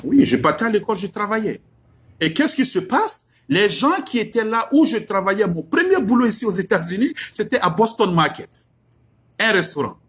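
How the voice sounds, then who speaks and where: At a moderate pace, a middle-aged West African preacher delivers a religious exhortation in a husky, high voice that jumps through lively pitch swings. He speaks emphatically, repeating lines and pressing his point with rhetorical question after rhetorical question.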